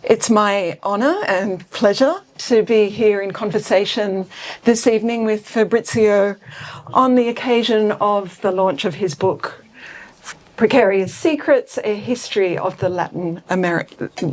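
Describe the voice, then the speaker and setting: A woman's voice: mid-range voice, normal speed. A woman academic opening a book-launch conversation with gracious thanks and formal questions. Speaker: academic interviewer.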